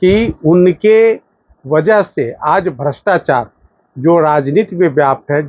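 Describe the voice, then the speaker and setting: A man speaking as a lawyer in formal political commentary to a news channel, emphatic, with pauses and fillers. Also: a little high, darkish tone, no room sound, muffled recording. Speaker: lawyer giving a statement.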